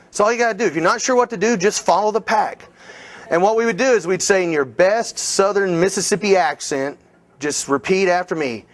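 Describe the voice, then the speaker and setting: A middle-aged man leading a live real estate seminar, energetic and coaching the room with questions to the audience. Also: sits high, a little fast.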